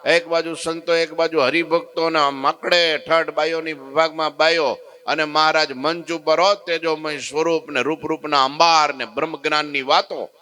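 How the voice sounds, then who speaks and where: A man's voice: a little high, steady tone, moderate pace, pushed and bright. A man narrating a devotional story sermon in a vivid, dramatic way. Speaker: religious storyteller.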